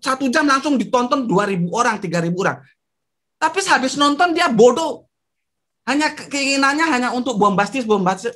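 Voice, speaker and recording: Blunt man, guest on a panel, lively animated delivery. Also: very high-pitched. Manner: blunt and outspoken, self-described rough way of talking. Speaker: guest speaker. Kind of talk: panel discussion talk.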